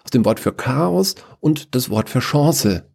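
A man's voice: medium pitch, animated, moderate pace, darkish tone, voice pushed up, close to an everyday voice. A man voicing a clumsy, scatterbrained male figure of Chaos who stammers and apologizes in a rush. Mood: eager.

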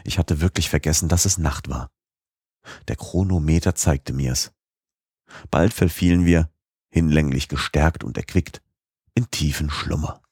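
A man narrating a classic novel as an audiobook in a measured, steady manner. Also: very deep voice, breathy edge, dry recording, clean studio sound.

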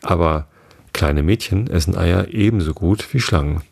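A man reading the part of a curious, indignant little girl in a storybook, his husky voice lifted only a little. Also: low-pitched, moderate pace, a little mellow, no room sound, clean studio sound. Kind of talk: audiobook reading of a classic tale.

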